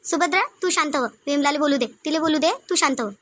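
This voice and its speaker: A high, brisk cartoon village woman pleads for calm, repeating herself gently, as a woman acts her out. She speaks with a Varhadi Marathi accent. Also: no echo. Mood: soothing. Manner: soothing, pleading, repetitive. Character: calm peacemaking group leader woman Sulochana.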